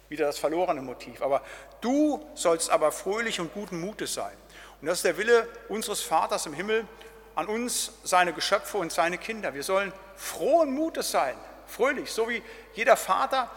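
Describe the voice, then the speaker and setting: A man's voice: high-pitched, a bit bright, breathy edge, in a large hall. A middle-aged man, a pastor, giving a casual Bible study talk and dropping in "ne?" and "halt" as he goes. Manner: casual, with tag questions "ne?" and "halt".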